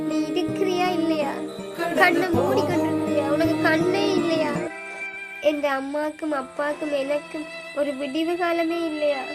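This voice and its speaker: Casting: woman playing a sad, soft-spoken young aunt, overworked and kind, very high, Sri Lankan Tamil accent. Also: natural voice.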